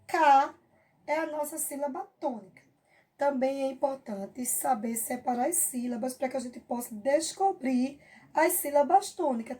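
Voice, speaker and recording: A woman's voice: high voice, a little mellow. A Brazilian woman teacher giving a patient review lesson for children, stretching out her examples and often checking in with the class. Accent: Brazilian Portuguese.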